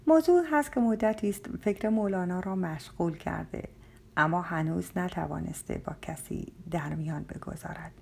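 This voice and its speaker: A woman's voice: lowish voice, creaky, darkish tone, breathy edge. A woman reading as a sly motherly matron. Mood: confiding. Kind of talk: audiobook character voice.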